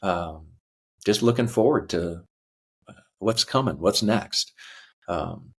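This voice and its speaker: A man in his fifties, a podcast guest telling his life story earnestly, halting with fillers. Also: sits low. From United States. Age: 50s. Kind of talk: reflective personal storytelling.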